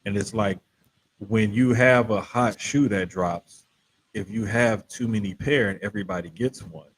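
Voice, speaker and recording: A man's voice: lowish voice, moderate pace, slight background noise, rough recording. A man co-hosting a casual wrestling discussion, speaking in a slangy, emphatic way. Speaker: wrestling podcast co-host. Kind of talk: casual chat, wrestling commentary.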